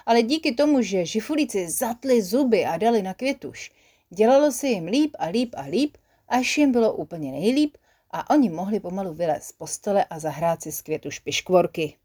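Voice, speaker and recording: Woman storyteller, lively children's story narration, mid pitch. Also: breathy edge.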